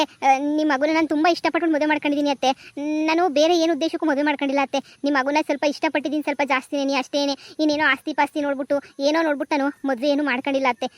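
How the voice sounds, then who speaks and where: A woman's voice: sits high, steady tone, very fast, no room sound, close to an everyday voice. A woman voicing a timid young newlywed wife in a cartoon comedy, pleading politely. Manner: pleading, soft-spoken.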